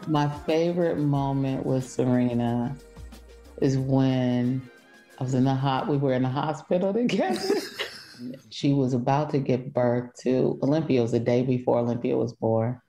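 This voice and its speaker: Very deep gravelly woman telling a story. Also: moderate pace, dark tone, soft background music. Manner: rambling, laughing, many fillers. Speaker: guest, older sister. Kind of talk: casual storytelling.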